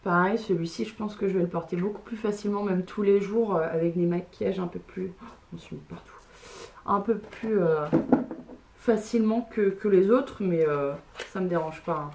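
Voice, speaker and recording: Woman vlogger, casual haul chat, easygoing and hesitant, average pitch. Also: normal speed, a little mellow. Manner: chatty, hesitant, with many fillers. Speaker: beauty vlogger. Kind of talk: casual makeup haul unboxing.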